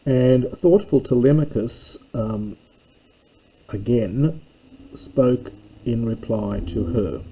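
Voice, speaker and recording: A man reading an ancient Greek text aloud and translating it line by line, in a careful, halting way with many pauses and fillers. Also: medium pitch, warm tone, slight background noise, low-quality recording. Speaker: classics teacher.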